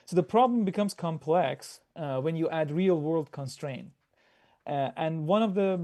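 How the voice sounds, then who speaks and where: A man presenting a prepared startup pitch over a video call, explaining methodically and answering his own questions. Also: warm tone.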